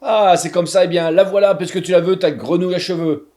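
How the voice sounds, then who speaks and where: A spiteful old witch from a storybook shrieks and mocks in a high, loud voice, as a male reader puts her on. Her pitch swings widely from line to line. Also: very animated, brisk. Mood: enraged. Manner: raised, shrieking, mocking delivery. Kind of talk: storybook reading.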